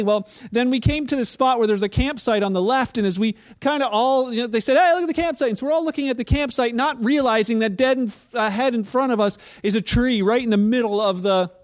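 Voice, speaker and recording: A middle-aged man giving a sermon as pastor, conversational and storytelling, with frequent restarts. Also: very high-pitched.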